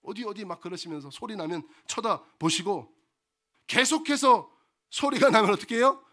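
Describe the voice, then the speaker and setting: Male preacher with a very animated delivery; throws rhetorical questions at his congregation. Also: high voice, normal speed. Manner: repeats phrases for emphasis. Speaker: pastor. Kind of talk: sermon.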